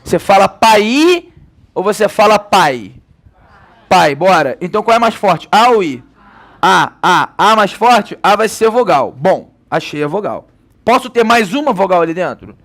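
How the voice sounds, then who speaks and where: A Brazilian man teaching a Portuguese grammar lesson, lively, asking rhetorical questions and answering them himself. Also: high voice, moderate pace. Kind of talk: recorded classroom lecture.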